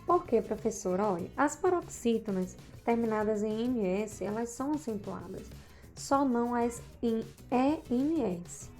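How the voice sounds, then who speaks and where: A woman's voice: on the high side, animated, unhurried, a little mellow, soft background music. A woman teacher explaining grammar rules from slides, often checking in with tag questions. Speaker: Portuguese teacher. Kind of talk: slide-based grammar lesson.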